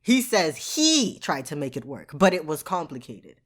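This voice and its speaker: A woman co-hosting a casual podcast chat, animated and quick to laugh, speeding up when she rants. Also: low voice. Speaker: podcast co-host.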